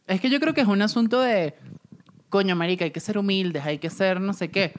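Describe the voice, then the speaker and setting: A woman in a casual chat, relaxed and slangy, who chimes in often to agree. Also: mid-range voice, fairly quick. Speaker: podcast co-host.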